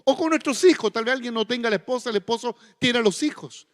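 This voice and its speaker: High-voiced Chilean pastor preaching. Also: male voice, fast talker. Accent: Chilean Spanish. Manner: folksy, humorous then softly earnest. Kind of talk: sermon. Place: church sanctuary. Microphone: stage microphone with monitor. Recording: long church reverb.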